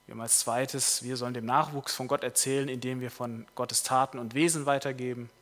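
A man preaching a sermon, telling a story in a lively way before summing up his points. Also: mid-range voice, brisk. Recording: long reverb of a large hall.

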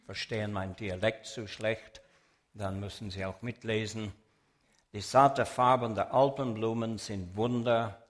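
A man with a lowish voice speaks slowly, giving an illustrated religious talk as a public lecture with a sermon message. He is deliberate and explanatory, addressing the audience directly.

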